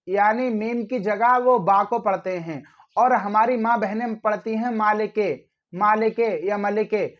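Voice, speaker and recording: A man giving religious instruction, explaining recitation slowly and carefully. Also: sits high, fairly bright tone, highs cut off. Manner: slow drawn-out recitation when demonstrating. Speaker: religious teacher.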